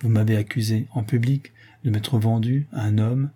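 A man voicing a young fiancée who speaks softly but firmly, with solemn resolve, in a read-aloud novel. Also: on the low side, steady tone, normal speed, slightly rough. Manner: soft yet resolute, solemn. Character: young woman, gentle but firm fiancée.

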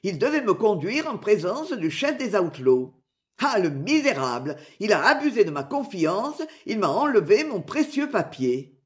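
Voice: medium pitch, very animated, normal speed, natural voice. A reader voicing an angry, blustering middle-aged tinker who has been robbed, in an audiobook. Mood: outraged. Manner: loud, blustering, complaining. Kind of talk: audiobook character voice.

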